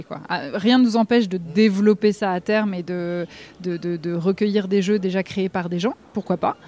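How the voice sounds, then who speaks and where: A woman interviewed about publishing her games, relaxed, with fillers and acted-out quotes. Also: medium pitch. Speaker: game designer guest. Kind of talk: casual interview talk.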